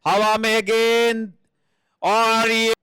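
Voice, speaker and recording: An Indian man calls live cricket in an excited manner. His voice is high and bright, with a forceful edge that climbs on the big shots. The sound is dry and close. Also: very slow, smooth, dry recording. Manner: excited, voice rising on boundary shots. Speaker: cricket commentator. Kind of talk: live Hindi sports commentary.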